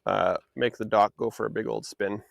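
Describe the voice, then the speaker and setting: A man's voice: fairly low pitch, fairly even intonation, normal speed, gravelly, dry recording. A man co-hosting a casual live stream from a lake dock, explaining gear in an easygoing, friendly way. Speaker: co-host presenting paddleboards. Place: outdoors on a floating dock on a lake.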